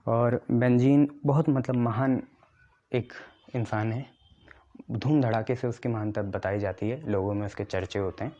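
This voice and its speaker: Mellow-voiced male chemistry teacher, lo-fi. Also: mid-range voice. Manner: explains step by step, often checks "ठीक है"; asks and answers his own questions. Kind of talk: classroom lecture with memory tricks. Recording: dull lo-fi recording.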